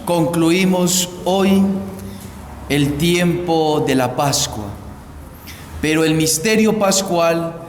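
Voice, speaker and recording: A man, a priest, reading the Gospel and preaching a Pentecost homily in a slow, measured liturgical way, with a cathedral echo. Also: fairly high pitch. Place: large church. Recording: echoey church hall, faint background hiss.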